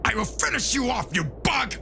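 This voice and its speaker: A man voicing a proud, hot-tempered anime warrior who speaks gruffly and throws insults. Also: high voice, big pitch swings, takes it slowly, sharp tone, a little hiss or hum, full character voice. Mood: furious.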